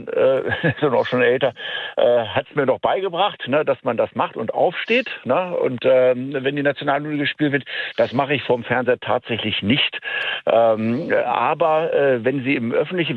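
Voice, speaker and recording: A man speaking as a guest in a radio discussion, halting, with many fillers and restarts. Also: medium pitch, no room sound. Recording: phone-line sound.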